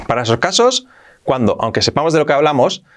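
A man from Spain teaching English to beginners in a video lesson, explaining in Spanish and slowly repeating the English examples and sounds. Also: fairly high pitch, very animated.

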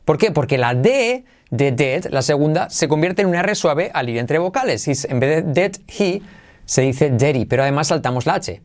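A man hosting an energetic English lesson, repeating phrases slowly for learners. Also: on the high side. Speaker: English teacher, channel host. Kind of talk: energetic online language lesson.

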